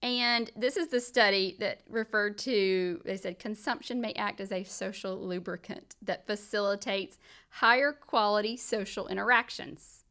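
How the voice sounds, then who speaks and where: A woman's voice: medium pitch, moderate pace, bright, forceful tone. A woman with a Southern US accent co-hosting a casual health podcast, adding friendly comments and summing up points. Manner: adds friendly comments and summaries. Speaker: podcast co-host.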